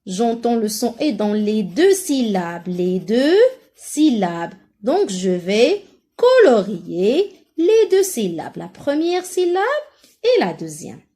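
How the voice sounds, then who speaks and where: A woman's voice: fairly high pitch, sing-song, dark tone. A woman with a Moroccan French accent teaching a first-grade phonics lesson, stretching out syllables and encouraging her pupils. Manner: slow, drawn-out syllables, encouraging. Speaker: primary school teacher.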